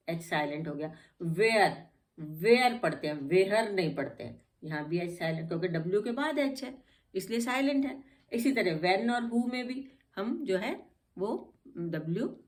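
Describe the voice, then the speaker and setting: A woman teaching English spelling rules, patiently spelling out each word letter by letter. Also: mid-range voice. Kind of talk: spelling lesson explained in Hindi.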